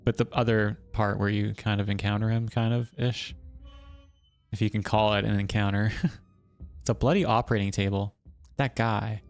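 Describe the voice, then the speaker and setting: A man's voice: fairly low pitch, vocal fry. A man streaming a horror game live, giving casual, rambling commentary full of fillers and chuckles.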